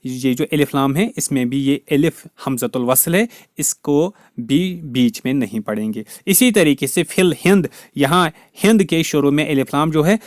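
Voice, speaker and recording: A man walks through a grammar lesson at a very unhurried pace, saying each word and then its meaning, often twice. His voice sits slightly high for a man. The sound is close and dry, with no room around it. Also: dry recording. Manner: slow, careful explaining, repeats each word with its meaning. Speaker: Arabic teacher. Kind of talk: recorded lesson explaining grammar.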